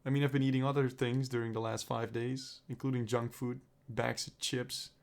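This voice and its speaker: In his video diary, this young man talks at a moderate pace in a mid-range, level, creaky voice. He's recovering from a cold, his throat is clearing, and he rambles and curses while thinking out loud.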